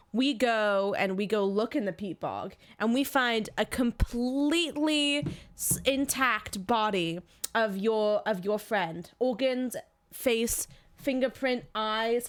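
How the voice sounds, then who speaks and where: Podcast co-host, female, slightly high voice, excitable and rambling in loose chat. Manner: rambling and excitable, trailing off and restarting. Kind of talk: casual chat.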